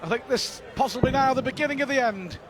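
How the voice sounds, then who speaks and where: Male sports commentator, high-pitched, analytical and chatty, working over a clearly audible arena crowd. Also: fast, heavy background noise. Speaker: darts commentator.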